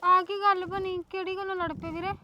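A woman playing an insistent, quick younger sister. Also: extremely high pitch, level tone, bright, forceful tone, a little hiss or hum. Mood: worried. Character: indignant younger sister protective of her elder sister. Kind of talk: film drama dialogue.

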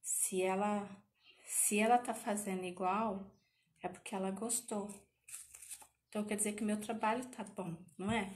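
Woman over fifty, craft teacher, chatty, keeps asking viewers "okay?", middle-pitched voice. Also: steady tone, moderate pace. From Paraná, Brazil. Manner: chatty, emotional, speaks to viewers with many tag questions. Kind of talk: live craft tutorial.

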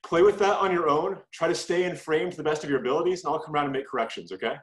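Talking very fast in a voice on the high side, a middle-aged kung fu instructor calls out short commands and upbeat feedback to his live class. The camera sits across a medium-sized living room, so the sound is distant and echoey.

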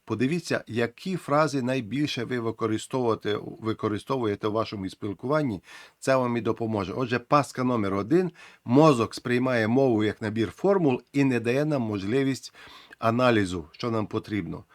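A man's voice: mid-range voice, a little fast, no room sound. A man teaching a lesson, earnest and encouraging, repeating his key phrases. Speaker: English teacher.

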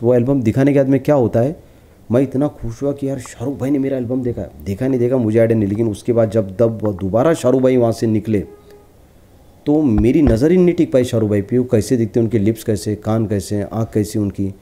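A middle-aged man telling stories in an interview, lively, and acting out the lines of the people he quotes. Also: medium pitch, fairly quick. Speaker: celebrity lookalike actor interviewee. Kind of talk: casual storytelling interview.

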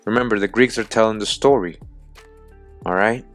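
Male host, low voice, emphatic lecture-style commentary with book readings, faint music bed. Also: moderate pace. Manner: emphatic, repeats "all right?" and restates points. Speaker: video host.

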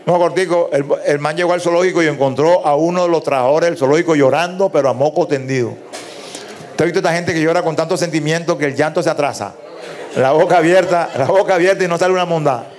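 A middle-aged man with a Colombian Caribbean coast accent, doing a crude, profane stand-up routine with loud bursts. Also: on the high side, quick pace. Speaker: stand-up comedian. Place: nightclub stage.

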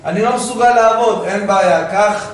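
A man giving an animated sermon as a rabbi, firing rhetorical questions and acting out little dialogues. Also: high voice, slight background noise. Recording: very echoey room, voice from far off.

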